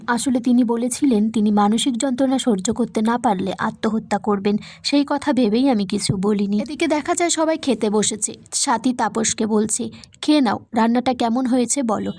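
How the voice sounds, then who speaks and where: A woman reading a plot recap of a TV serial episode, telling the story in a steady way and voicing the quoted lines in the same voice. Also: fairly high pitch, no room sound.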